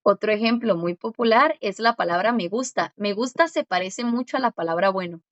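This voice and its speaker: A woman's voice: medium pitch, dry recording. Female tutor, patient explainer, dull dry recording. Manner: patient, explains step by step and repeats words slowly. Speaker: Korean language teacher. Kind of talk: one-on-one language lesson.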